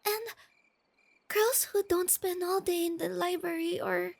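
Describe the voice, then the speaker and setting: In an ASMR roleplay, a bashful, nerdy young girlfriend speaks in a soft, girlish, extremely high voice, slow and fairly even, with vocal fry and a full character voice. Flustered and embarrassed, she hesitates and stammers. The close, very dry recording has no room sound, only night insects chirping behind her.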